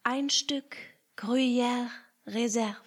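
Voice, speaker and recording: A woman doing a polite hushed mouse. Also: a little high, very slow. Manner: courteous, hushed, explaining. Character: polite cheese-loving male mouse.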